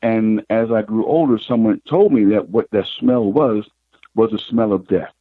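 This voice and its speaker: A middle-aged man with a husky, fairly low voice recounts his life as a psychic guest, unhurried and reflective. The sound is thin and tinny, like a phone line, and quite dry. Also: no room sound. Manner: unhurried, reflective, retells scenes with quoted dialogue. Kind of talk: personal storytelling in an interview.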